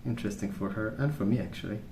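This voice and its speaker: Soft-spoken ASMR rambling comes from a male video creator whose voice sits on the low side. He tells his story casually, gently and slowly, and the roomy recording picks up clear background noise.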